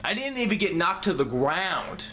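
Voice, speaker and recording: A man's voice: high voice, normal speed, a little hiss or hum. Young male vlogger, casual storytime delivery, swears freely and tells it with energy. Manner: profane, animated storytelling.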